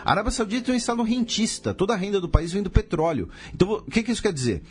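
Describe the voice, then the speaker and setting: A man's voice: high-pitched, expressive, racing, slightly rough. A man with a Brazilian Portuguese accent, hosting a podcast and explaining history in a casual way, full of rhetorical questions and sarcastic asides.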